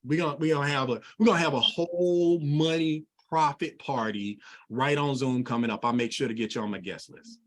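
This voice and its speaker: A middle-aged man runs a lively sales training on a video call, folksy and animated and dropping in casual asides. He speaks at medium pitch, briskly and with few pauses.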